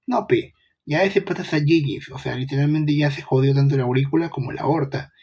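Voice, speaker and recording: A man's voice: on the high side, brisk, a little mellow, husky. A young man giving a casual medical lecture, chatty, with rhetorical questions and slangy asides.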